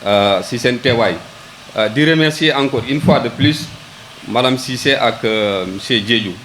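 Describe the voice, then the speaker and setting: This man is a local government official addressing a public ceremony in a Senegalese accent, at medium pitch and a little slow, with a fairly bright tone. Halting and prone to repeating words as he gropes for what comes next, he switches between Wolof and French. There's a little hiss or hum.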